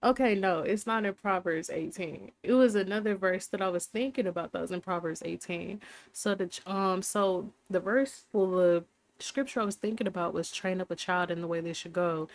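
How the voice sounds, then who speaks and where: A woman's voice: fairly low pitch, normal speed, no echo. A young woman hosting a casual faith talk, rambling and heartfelt, with many fillers. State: briefly emotional. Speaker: podcast host.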